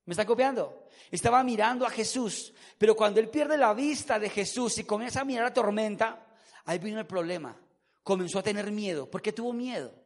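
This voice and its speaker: A man preaching a sermon, telling the story in an animated way and having the congregation repeat words after him. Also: high-pitched, brisk, creaky.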